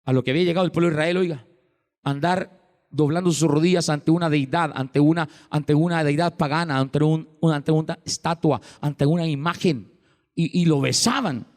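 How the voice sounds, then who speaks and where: A man's voice: fairly high pitch, steady tone, normal speed, darkish tone. A male pastor with a Salvadoran Spanish accent, preaching an impassioned sermon and calling out to the congregation with repeated refrains. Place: large church sanctuary. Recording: long reverb of a church hall.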